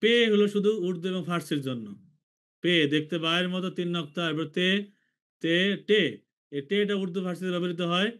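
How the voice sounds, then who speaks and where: A man from Bangladesh teaching an online language class, slowly repeating each letter for his students. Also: sits high, a bit bright. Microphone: video call.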